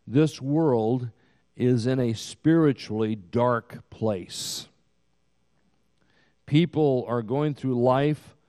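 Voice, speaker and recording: A man in his sixties preaching a sermon as pastor, with slow, emphatic delivery that swells to loud peaks, recorded in a church sanctuary. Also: medium pitch. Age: 60s. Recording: long hall reverb.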